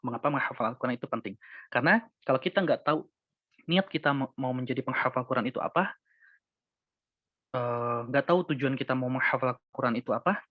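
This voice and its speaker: A man's voice: medium pitch, dry recording, dull audio. A man teaching Quran memorization in a casual, earnest webinar talk, sometimes acting out imagined older learners.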